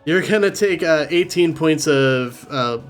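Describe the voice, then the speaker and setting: A man's voice: a little high, expressive, measured pace, soft background music. A man running a tabletop game as game master, easygoing and a little hesitant.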